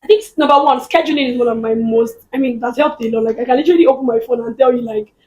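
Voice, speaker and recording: A woman with a Nigerian accent, a business owner chatting lively as an interview guest. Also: a little high, rapid-fire, reverberant, lo-fi sound. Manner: lively, chatty, laughs often. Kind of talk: casual interview chat.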